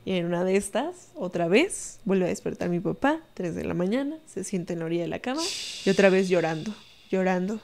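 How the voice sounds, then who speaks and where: A young woman with a Mexican accent tells a story in a relaxed conversation. She keeps it animated, often tags her lines with a questioning "¿no?", and acts out the people she quotes. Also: lowish voice, fairly quick, vocal fry. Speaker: podcast guest storyteller. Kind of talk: casual storytelling.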